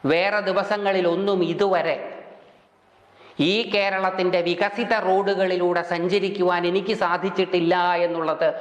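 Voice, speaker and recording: Older man with a Kerala Malayalam accent, spiritual orator, deliberate pauses, high-ish voice, roomy echo. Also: level tone, lo-fi sound. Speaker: spiritual speaker. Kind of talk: religious discourse. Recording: echoey hall.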